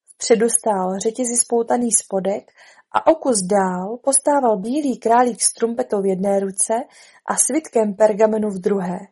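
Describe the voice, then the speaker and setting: A woman narrating a storybook in a calm, expressive way. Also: fairly high pitch, slightly rough.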